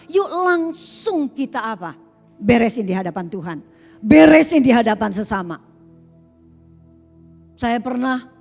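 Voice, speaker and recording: A middle-aged woman pastor preaching a sermon, talking animatedly with rhetorical questions to the congregation. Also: high-pitched. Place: church sanctuary. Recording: long church hall reverb with faint music.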